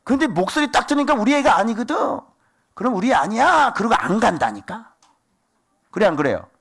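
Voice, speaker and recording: A man preaching a sermon as pastor, animated and asking the congregation rhetorical questions. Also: high voice, brisk.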